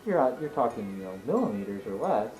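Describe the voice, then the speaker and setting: Animated man explaining things emphatically over music. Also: mid-range voice, fast talker. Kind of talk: casual chat about cars. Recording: music in the background.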